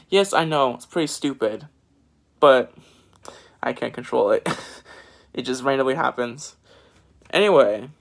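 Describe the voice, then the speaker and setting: A man's voice: mid-range voice, vocal fry. A teenage boy talking casually to his vlog viewers, rambling and switching accents now and then. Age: teens. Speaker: vlogger. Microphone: phone.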